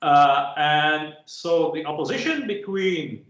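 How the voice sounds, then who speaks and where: Halting male lecturer in an echoey room. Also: on the high side, expressive, fairly bright tone, muffled recording. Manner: halting, many filler sounds, rhetorical "huh?" checks. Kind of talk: academic lecture.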